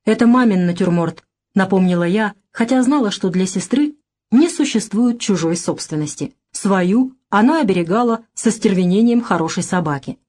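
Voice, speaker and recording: Female audiobook narrator, calm measured storytelling, middle pitch. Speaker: audiobook reader.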